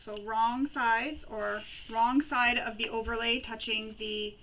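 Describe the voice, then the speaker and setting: A woman hosting a sewing tutorial, giving practical step-by-step instructions and pausing while she works. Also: fairly high pitch, fairly even intonation, a bit bright, distant mic, highs cut off, a little hiss or hum. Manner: chatty and practical, pauses while working.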